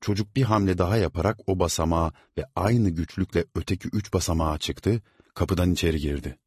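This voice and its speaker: A man narrating an audiobook in a measured, steady reading. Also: low-pitched, slightly rough, dry recording, studio quality. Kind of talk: scripted narration.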